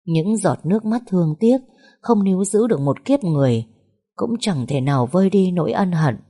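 A woman reading a story aloud in a slow, mournful narration. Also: fairly low pitch, lively intonation, warm tone. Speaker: audiobook narrator.

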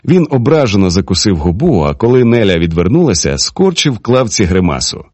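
A man narrating an audiobook in a lively, dramatic reading style. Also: lowish voice, fairly quick, slightly rough, no echo. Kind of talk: expressive literary narration.

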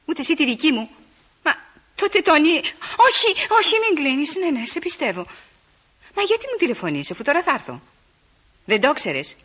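A flirtatious, theatrical lady in love. Her voice sits high and bright and leaps about, full of quick swings from teasing to pleading. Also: full character voice. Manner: lively, coquettish, quick mood swings. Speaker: radio drama actress. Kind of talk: 1960s Greek radio theater acting.

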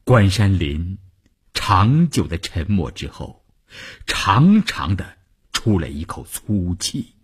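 A man reading a novel aloud for radio, highly expressive, sinking to whispers and swelling again. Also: takes it slowly, breathy edge.

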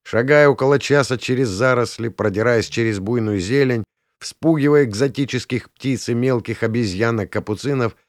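A man narrating a first-person novel in a calm, measured reading. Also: mid-range voice, no echo, studio quality. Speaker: audiobook narrator.

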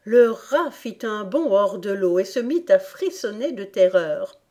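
A woman narrating an audiobook of a classic tale in a calm, measured way. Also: mid-range voice. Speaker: audiobook reader.

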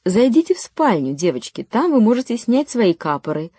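A woman voicing a friendly shopkeeper's wife who speaks in a welcoming, brisk way. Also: mid-range voice, wildly swooping pitch, mellow, breathy edge, no room sound, full character voice.

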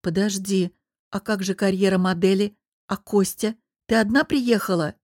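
A bubbly young woman friend, as a woman reader puts her on, chattering excitedly with a raised, bright pitch well above the reader's own. She teases and grumbles by turns in quick bursts. The sound is dry and close-miked. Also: no room sound, close to an everyday voice. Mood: lively.

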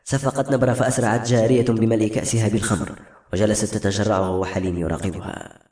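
Brisk low-voiced male audiobook narrator. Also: steady tone, darkish tone. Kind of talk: dramatic novel reading. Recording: roomy audiobook recording, faint music.

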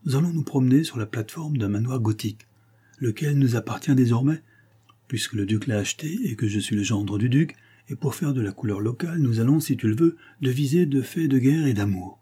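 A man's voice: mid-range voice, brisk, mellow, slightly rough, natural voice. A man reading the part of a scheming young male bandit in an audiobook, speaking in a mocking, carefree tone.

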